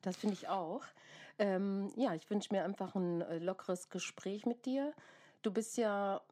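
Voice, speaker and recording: A woman's voice: medium pitch, a little slow, warm tone. A woman with a congested, snotty voice from a lingering cold, chatting casually as a podcast host.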